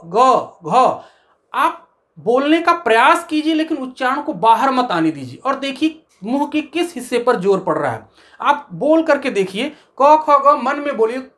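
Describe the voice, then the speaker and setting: A woman with a high, slightly bright voice teaches a Hindi grammar lesson, explaining it step by step. She asks questions and answers them herself, reciting the alphabet's letters slowly.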